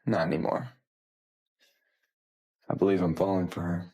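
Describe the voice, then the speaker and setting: An actor playing an earnest, lovestruck, wealthy CEO in a melodramatic short drama. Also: male voice, deep voice, level tone, normal speed, mellow. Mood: tender, earnest.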